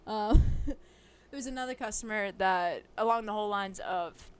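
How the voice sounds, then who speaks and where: A young woman who works a fast-food drive-thru, chatting casually about customers, laughing often and filling pauses with um and like. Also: medium pitch, clear, resonant tone. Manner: giggly, chatty, full of fillers. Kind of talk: casual storytelling.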